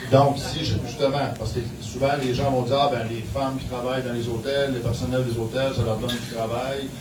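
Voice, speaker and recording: A man's voice: mid-range voice, level tone, fairly quick. Quebec man in echoey, noisy discussion. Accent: Quebec French. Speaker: Conservative political representative. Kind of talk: informal political discussion. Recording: echoey, noisy, distant microphone.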